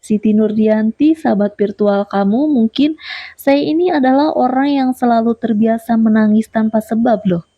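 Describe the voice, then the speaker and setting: Woman, motivational talk to viewers, higher voice, repeats points, dry dull recording. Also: normal speed, no echo. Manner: repeats key points, asks the listener questions. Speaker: motivational YouTuber. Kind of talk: direct-to-camera motivational talk.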